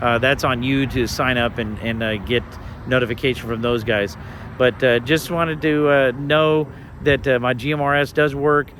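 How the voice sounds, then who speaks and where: A man's voice: medium pitch, fairly even intonation, normal speed, fairly bright tone. A man from Colorado talking casually and informally as an amateur radio operator hosting an outdoor vlog, rambling as he goes. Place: outdoors in a state park. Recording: outdoor ambient and vehicle noise.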